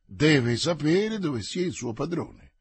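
Man voicing a commanding young musketeer, lively swooping delivery, husky dry storybook read. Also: on the high side, slow, full character voice. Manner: energetic, emphatic exclamations. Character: bold young male musketeer, impatient and commanding.

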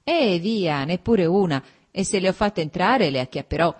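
A woman's voice: fairly low pitch, lively intonation, moderate pace, breathy edge. A woman reading aloud, voicing a cheerful young male landowner who speaks eagerly and in exclamations. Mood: exuberant.

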